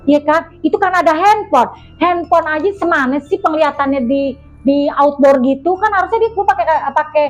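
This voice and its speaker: A woman speaks in a high voice as a guest telling her story. Her delivery is animated and slangy, and she retells it dramatically. Soft music plays faintly behind her. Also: normal speed. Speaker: guest telling a mystical experience. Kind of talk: casual storytelling chat.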